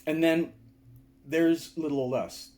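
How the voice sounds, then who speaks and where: Mellow-voiced man teaching meditation. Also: fairly high pitch, takes it slowly, a little hiss or hum. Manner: conversational, explains with frequent "right?" and "okay?" check-ins. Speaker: meditation and martial arts teacher. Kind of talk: casual video lecture to camera. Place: indoors, seated.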